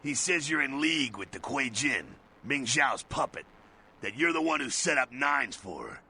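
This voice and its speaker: A man voicing a gruff, streetwise male vampire helper in a video game, talking in an urgent, blunt and sardonic way. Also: medium pitch, expressive, moderate pace, pushed and bright, exaggerated voice.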